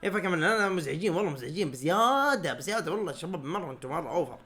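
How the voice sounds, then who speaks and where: A man with a Saudi accent giving live match reaction commentary as a football fan streamer, excitable, shouting at players and the referee and laughing often. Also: fairly high pitch, very fast. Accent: Saudi Arabic.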